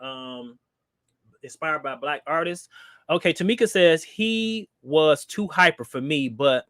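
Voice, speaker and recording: A man hosts a live online discussion show in a relaxed, casual way, full of fillers and restarts. His voice sits a little high and sounds slightly nasal from a cold, captured with clean studio sound and no echo.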